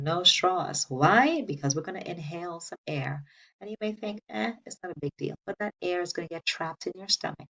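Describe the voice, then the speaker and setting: A woman's voice: sits low, gravelly, a bit bright. A woman teaching a recorded pre-op class in an upbeat, playful way, repeating key rules and asking the class to say them with her. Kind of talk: recorded patient education class. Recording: distant, dull lo-fi room sound.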